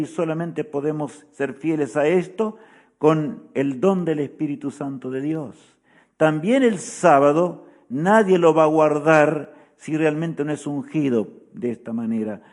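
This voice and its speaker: Man, preacher, solemn sermon, fairly high-pitched voice, questioning asides. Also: a little mellow. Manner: solemn, often adds a questioning "¿verdad?". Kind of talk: sermon teaching.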